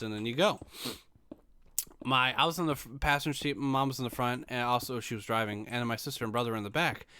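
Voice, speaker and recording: A man's voice: medium pitch, pushed and bright, clear, resonant tone. A man in his late twenties, a streamer telling meandering casual stories to his live audience. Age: late 20s. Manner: rambling, meandering storyteller.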